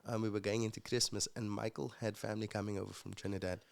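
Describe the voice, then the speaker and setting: A young man, a musician guest, telling his personal story in an earnest, reflective way with halting restarts. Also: fairly low pitch, flat delivery, creaky, darkish tone. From South Africa.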